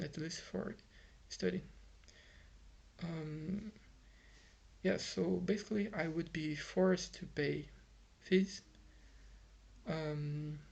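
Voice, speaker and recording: Recording a casual vlog at home in Ireland, a young Brazilian man whose first language is Portuguese speaks Brazilian-accented English. His slightly high voice has vocal fry, and his frustrated monologue rambles, packed with fillers and restarts.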